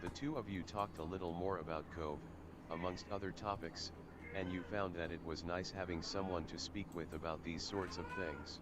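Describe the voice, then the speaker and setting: A man's voice: deep voice, fairly even intonation, moderate pace. A synthetic text-to-speech voice of an older man, reading a game's narration and dialogue aloud in one mechanical way. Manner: reads everything in one mechanical way, lines and narration alike. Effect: text-to-speech screen reader voice. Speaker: game text reader. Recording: synthetic voice with clear background noise.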